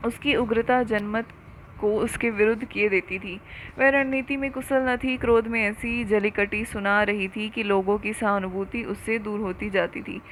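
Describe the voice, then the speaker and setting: A woman's voice: mid-range voice, normal speed, slight background noise, low-quality recording. Woman reading a novel aloud. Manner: even, literary storytelling. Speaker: narrator.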